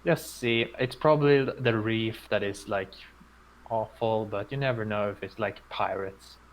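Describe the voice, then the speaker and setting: A man's voice: on the low side, unhurried, a little hiss or hum, low-quality recording. Casual young man at a game table. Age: young adult. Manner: casual, loose phrasing. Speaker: player. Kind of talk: casual chat.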